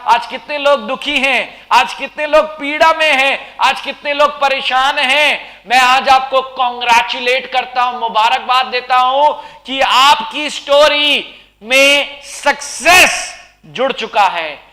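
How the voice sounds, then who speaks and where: Male pastor preaching, really high voice, slow and drawn out with big pauses. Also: fairly even intonation, sharp tone. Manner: preaching with dramatic pauses and swells. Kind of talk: sermon.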